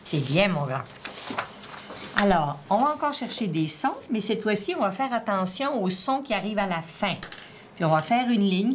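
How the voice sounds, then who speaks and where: A woman teacher with a Québécois French accent, slowly and patiently prompting a child through a one-on-one reading assessment. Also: medium pitch. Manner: slow, patient, drawn-out word-by-word prompting. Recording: faint background noise.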